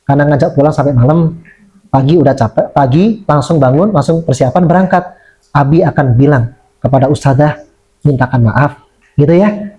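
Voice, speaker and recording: Male Islamic teacher, mellow and a bit high, lively lecturing, dull lo-fi sound. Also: moderate pace. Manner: lively, acts out children's quoted speech. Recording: muffled lo-fi recording.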